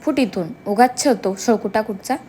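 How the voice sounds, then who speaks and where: A woman's voice: fairly high pitch, normal speed, warm tone, a little hiss or hum, lightly acted. A woman voicing a young husband who is bossy, teasing and protective, read for a storybook.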